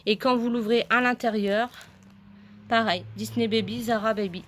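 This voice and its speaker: A chatty young woman with a fairly high voice talks through a shopping haul. She sounds a little breathless and fills her sentences with hesitations as she shows things to the camera. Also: steady tone, normal speed, slight background noise. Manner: chatty, many fillers, shows items to camera. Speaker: vlogger. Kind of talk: casual haul video chat.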